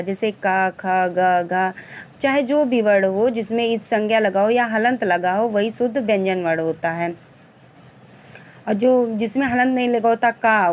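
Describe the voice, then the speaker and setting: A woman teacher explains Sanskrit grammar for an exam, sounding out vowels and examples one by one and sometimes restarting a phrase. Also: a little high. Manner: restarts and corrects herself mid-phrase.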